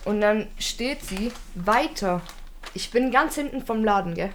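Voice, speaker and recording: A woman's voice: mid-range voice, measured pace, a little hiss or hum. Laughing young woman telling a story. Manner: animated storyteller, laughs often, swears casually. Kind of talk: casual chat, telling a funny story.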